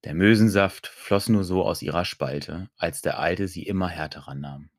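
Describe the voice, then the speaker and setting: A man reading a first-person audiobook story in a calm, even way. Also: low-pitched, moderate pace, dry recording, studio quality. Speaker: audiobook narrator.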